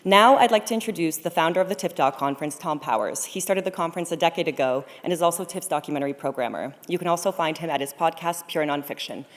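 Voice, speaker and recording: Here the conference's co-programmer, a woman with a low voice, rushes through her scripted welcome at a quick pace with hardly any pauses. She stands on stage in a large studio auditorium introducing the event, and the recording carries the long reverb of an echoey hall.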